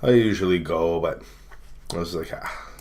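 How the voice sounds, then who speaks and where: A Canadian man rants over clips in a low, unhurried voice. He swears freely and mocks whoever is on screen, then laughs at his own jokes. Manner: profane, mocking, laughing often. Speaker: streamer. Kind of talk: casual reaction rant.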